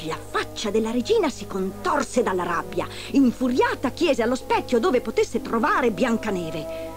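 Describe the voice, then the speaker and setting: A woman reading a fairy tale aloud in an expressive, dramatic storybook style. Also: fairly high pitch, unhurried, faint music behind.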